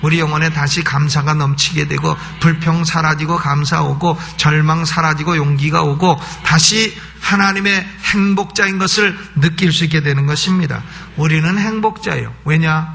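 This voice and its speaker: A man's voice: fairly high pitch, vocal fry, fairly bright tone. A man preaching an expository sermon as a pastor at a church service, emphatic, with rhetorical questions and prompting asides.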